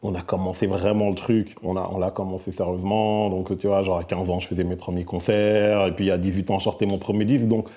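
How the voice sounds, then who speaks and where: A middle-aged man from Belgium, answering interview questions in a soft-spoken, hesitant way with many fillers. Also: low voice, level tone, fast talker, few pauses. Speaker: musician guest.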